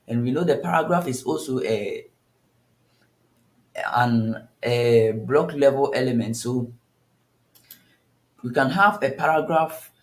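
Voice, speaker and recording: A man teaching a coding tutorial step by step, thinking aloud and often restarting his sentences. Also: mid-range voice. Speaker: coding instructor. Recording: echoey room.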